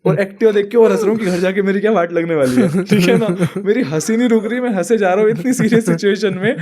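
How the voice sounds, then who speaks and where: A young man telling a story in casual chat, animated and laughing often. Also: high-pitched, fast. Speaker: podcast guest.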